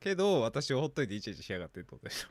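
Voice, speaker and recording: A man's voice: mid-range voice, very animated, racing. A man chatting casually as he comments on a video game with a partner. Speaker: gaming commentator. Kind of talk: casual two-person let's play chat.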